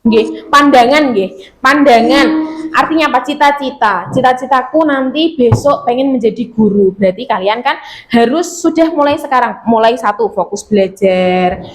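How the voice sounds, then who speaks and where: High-voiced woman counselor coaching a class. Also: animated, normal speed, low-quality recording. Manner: coaxing, repeats questions, leads class cheers. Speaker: school counselor teaching a class. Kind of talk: classroom teaching, call and response.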